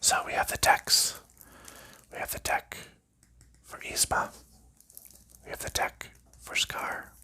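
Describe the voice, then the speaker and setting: This is a slow, gentle ASMR unboxing, narrated by a man in a breathy whisper close to the microphone. He pauses often and never hurries his explanations.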